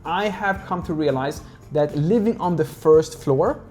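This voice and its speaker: Soft music plays behind a speaker who grew up in Sweden as they ramble through a casual chat, heavy on "like" fillers. The voice is mid-range and darkish in tone, delivered in an unhurried way.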